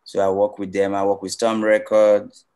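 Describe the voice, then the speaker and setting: Nigerian man, video director guest, very low voice, laid-back storyteller over a video call. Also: moderate pace. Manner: relaxed, conversational storytelling. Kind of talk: casual interview answers.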